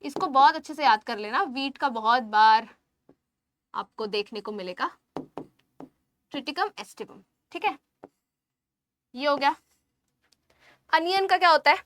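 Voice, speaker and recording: A woman teaching biology in an online exam-prep lecture, spelling out terms slowly and checking in with the class while she writes on screen. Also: high voice, animated, fairly bright tone, slight background noise.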